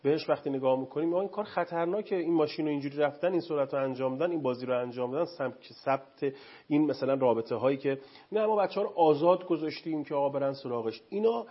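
A man explaining parenting styles on a talk show in a lecturing way, listing ideas and giving everyday examples. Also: on the high side. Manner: animated, lecturing with lists and examples. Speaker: family counseling guest expert. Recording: dull lo-fi broadcast sound.

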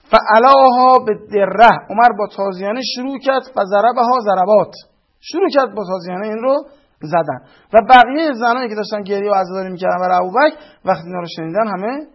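A man who comments critically on film clips, arguing his case and citing sources. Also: sits high. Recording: dull lo-fi audio.

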